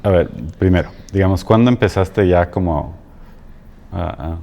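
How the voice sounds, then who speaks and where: A man guest coach talking in a halting way, repeating words and checking in with "¿no?". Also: sits low, creaky, dark tone. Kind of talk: casual conversation.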